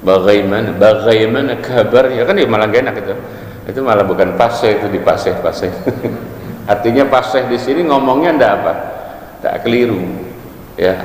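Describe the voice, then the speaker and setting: A man's voice: lowish voice, darkish tone, slight background noise. A man giving a casual religious study lecture, joking and asking his listeners questions. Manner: joking, asks the audience questions. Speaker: religious teacher. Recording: echoey hall with faint ambience.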